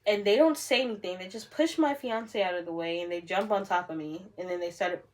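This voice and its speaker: A young woman talks straight to her camera in a relaxed storytime vlog. Her delivery is chatty and animated, full of casual "like" fillers. Her voice sits at an ordinary middle pitch for a woman. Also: brisk. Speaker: vlogger.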